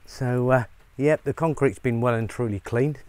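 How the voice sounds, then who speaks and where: A man's voice: medium pitch, moderate pace, a little mellow. A middle-aged man, talking casually to camera while working outdoors on his farm, chatty and upbeat with lots of fillers. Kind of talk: casual vlog narration to camera. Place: outdoors on a rural farm, rainy. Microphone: lapel mic.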